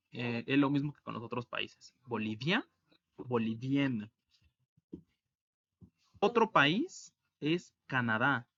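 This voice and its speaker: A man teaching a French lesson online, explaining slowly and repeating each word. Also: medium pitch, a bit bright, no room sound, muffled recording. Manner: slow, careful explanation, repeating words.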